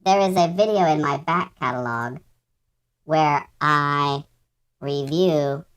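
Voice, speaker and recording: Man through a high voice changer. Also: takes it slowly, fairly bright tone, smooth. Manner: playful, trying out a gadget. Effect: cheap voice changer pitching the voice up. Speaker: host of a live YouTube advice show. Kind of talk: joking live-stream chat.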